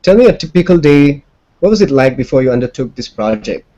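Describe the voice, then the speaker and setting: A man hosting an interview podcast, lively and playful, often repeating words as he asks questions. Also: fairly high pitch, fairly quick. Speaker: podcast host interviewing a guest. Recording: slightly dull audio with faint background music. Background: faint music.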